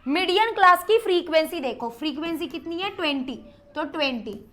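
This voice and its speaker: High-voiced brisk woman math teacher. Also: animated, pushed and bright. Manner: brisk, counts aloud and quizzes the class; mixes English terms into her talk. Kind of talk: whiteboard math lesson.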